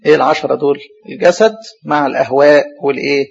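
An Egyptian preacher man with a gravelly, husky voice races through a Bible study sermon, tossing rhetorical questions at his listeners and answering them himself. He slows down to spell out and repeat difficult names. The recording is dull and lo-fi. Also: a little high. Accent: Egyptian Arabic.

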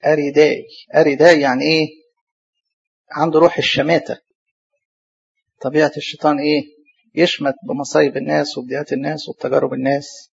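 A man with an Egyptian Arabic accent teaching a Bible study sermon, asking questions aloud and answering them himself, and slowly spelling out hard names. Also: fairly high pitch, little pitch movement, creaky, husky. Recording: dull lo-fi recording.

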